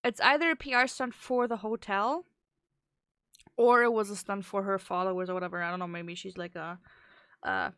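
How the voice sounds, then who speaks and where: A woman's voice: mid-range voice, expressive, moderate pace, fairly bright tone, clean tone, dry recording, clean studio sound. A woman streamer giving casual, skeptical reaction commentary in a blunt, wry way.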